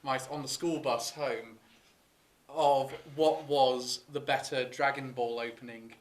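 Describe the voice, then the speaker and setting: A man's voice: medium pitch, steady tone, slow pace. A man of thirty hosting a casual podcast chat, chatty and prone to restarts. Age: 30s. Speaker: podcast host. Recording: roomy echo.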